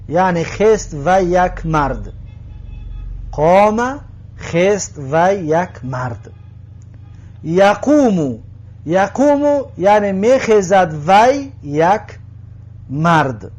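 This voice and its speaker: A man with a Tajik accent teaching an Arabic lesson, reading each word and repeating its translation slowly. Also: high-pitched, darkish tone. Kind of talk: recorded language lesson.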